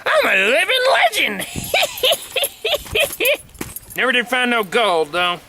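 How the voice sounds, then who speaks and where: A grizzled old prospector spinning a rambling, boastful yarn in a high, bright, wavering voice. He drawls slowly and swoops up and down as he talks. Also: huge pitch swings, a little hiss or hum, full character voice. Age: older. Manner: folksy drawl, rambling storyteller.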